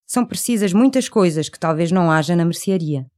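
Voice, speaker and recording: A woman's voice: fairly low pitch, expressive, fairly quick, darkish tone. A woman with a European Portuguese accent reading scripted language-course dialogue with careful enunciation.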